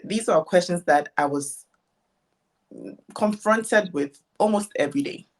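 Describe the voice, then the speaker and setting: A woman's voice: on the low side, unhurried. Young woman, interview guest, reflective, restarts often. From Ghana. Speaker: guest content creator. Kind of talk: casual interview chat.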